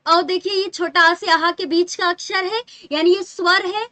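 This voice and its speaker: A woman's voice: extremely high pitch, steady tone, normal speed, sharp tone. A woman teacher giving a patient English grammar lesson to children, often checking with short tag questions and drawing out key words.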